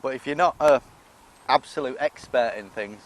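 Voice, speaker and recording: A man's voice: medium pitch, moderate pace. Chatty British man touring his allotment. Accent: British English. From United Kingdom. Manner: chatty, self-deprecating, talks while eating. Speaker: allotment vlogger. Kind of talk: casual garden vlog walk-through. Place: outdoor allotment garden.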